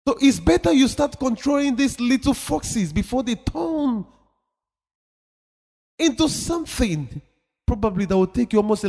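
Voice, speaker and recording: A man's voice: high voice, a little mellow. A man giving a motivational talk, emphatic and preachy, repeating his points for effect. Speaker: motivational speaker. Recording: long reverb of a hall.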